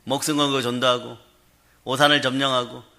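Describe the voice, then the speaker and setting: A man's voice: mid-range voice, flat delivery, a little fast, vocal fry, pushed and bright. A man preaching a sermon as pastor, emphatic and often calling out to the congregation. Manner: emphatic preaching with frequent call-outs to the congregation.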